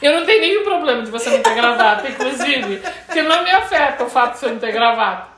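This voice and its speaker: A Portuguese-speaking woman with a fairly high voice chats animatedly, telling stories with dramatic flair. The sound is roomy and echoey. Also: slight background noise. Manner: animated, dramatic storytelling with quick asides. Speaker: co-host, English teacher. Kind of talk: casual podcast chat. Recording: roomy echo.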